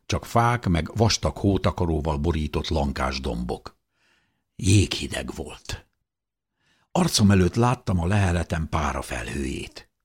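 A man reading a first-person audiobook narration in an expressive voice that rises with tension. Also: deep voice, slightly rough.

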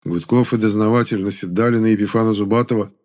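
Male audiobook reader, lower voice, measured and expressive. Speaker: audiobook narrator. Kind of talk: scripted narration.

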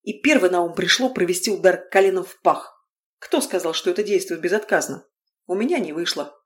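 A fairly low-pitched woman's voice carries this audiobook reading of a fantasy novel told in the first person. She keeps it wry and spirited, slipping in quick asides to whoever is listening.

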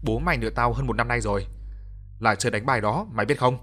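A man voicing a brutal debt collector who shouts threats in an audio story. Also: medium pitch, quick pace, soft background music, lightly acted. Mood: menacing.

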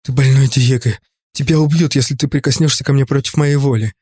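A man's voice: medium pitch, steady tone, a little fast, warm tone, husky, no room sound, studio quality, close to an everyday voice. A man voicing a frightened young woman in an audiobook, pleading urgently. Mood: defiant.

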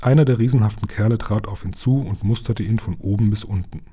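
Man, storybook reading aloud, calm storyteller, lowish voice, mellow sound. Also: a little fast, breathy edge. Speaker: reader. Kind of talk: reading a children's book aloud.

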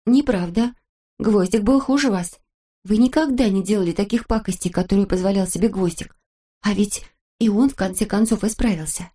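A woman voicing a kind little girl who speaks softly and coaxingly, as in a storybook. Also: medium pitch, normal speed, lightly acted. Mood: gentle. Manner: soft, coaxing and affectionate. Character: gentle, kind little girl comforting a friend.

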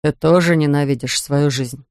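A woman's voice: deep voice, fairly even intonation, normal speed, darkish tone, dry recording, clean studio sound. A woman voicing a polite young man who sounds a little embarrassed.

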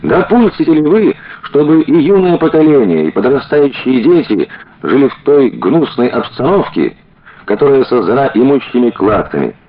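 A man's voice: medium pitch, big pitch swings, normal speed, pitched above the performer's own voice, close to an everyday voice. A man declaiming as a fiery revolutionary orator. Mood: rousing. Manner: declaiming, rousing rhetorical questions. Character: impassioned male revolutionary orator at a rally. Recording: dull lo-fi audiobook recording.

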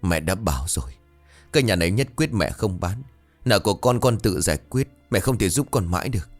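A man's voice: deep voice, animated, a little fast, faint music behind. A man voicing a weary older mother who speaks firmly to her son.

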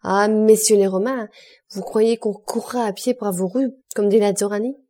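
A woman's voice: mid-range voice, steady tone, moderate pace, warm tone, lightly acted. A woman reading the lines of a boastful, witty young French viscount in a storybook, in a playful manner. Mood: enthusiastic.

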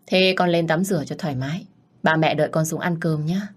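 A woman's voice: sits low, fairly quick. A woman voicing a caring older mother-in-law who fusses and worries over her children. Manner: fussing, motherly.

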